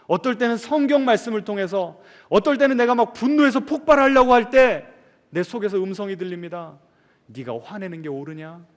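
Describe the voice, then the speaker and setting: A man preaches from a pulpit in a high, lifted voice, asking his listeners questions and then answering them himself. He pushes some points out loudly and drops others to a near-murmur. The sound rings on in the long reverb of a large church hall. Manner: swings sharply between loud emphasis and soft asides. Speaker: pastor. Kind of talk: sermon.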